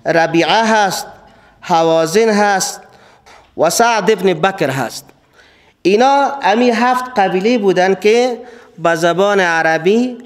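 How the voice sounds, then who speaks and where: A man speaking with an Afghan Dari accent gives a classroom lesson on scripture, with a fairly high voice. He talks slowly and repeats key words. He lifts his voice to stress points. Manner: slow, deliberate listing. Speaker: religious teacher. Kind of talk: classroom Quran lecture.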